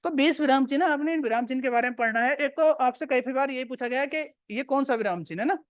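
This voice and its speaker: A man's voice: very high-pitched, quick pace, no room sound, muffled recording. A male teacher giving a classroom grammar lecture, repeating key points and quizzing his students.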